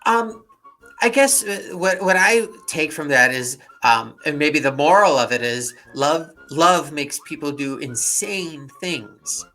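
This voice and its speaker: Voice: mid-range voice, expressive, slow, pushed and bright, faint music behind, rough recording. An adult co-host chatting casually, hesitantly prompting the other speaker with questions. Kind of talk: casual chat.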